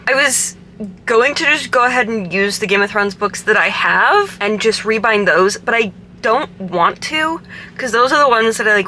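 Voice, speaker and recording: A woman's voice: on the high side, pushed and bright, a little hiss or hum. A young woman in her twenties talking casually to her camera from a parked car, rambling with many fillers. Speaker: vlogger. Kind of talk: casual vlog chat. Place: parked car in a parking garage.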